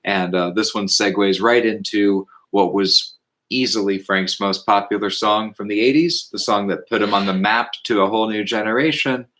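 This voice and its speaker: A man co-hosting a podcast, talking about music in a relaxed, thoughtful way. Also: fairly low pitch, normal speed. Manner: relaxed, thoughtful, with frequent fillers. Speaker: podcast co-host. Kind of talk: casual conversation about music.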